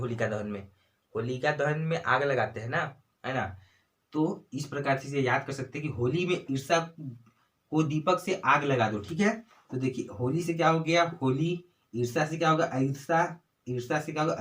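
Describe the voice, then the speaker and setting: This tutor has a fairly high, fairly bright voice and a Chhattisgarhi Hindi accent as he teaches for an exam. His style is to question himself and then answer, frequently adding "ठीक है" and "है ना".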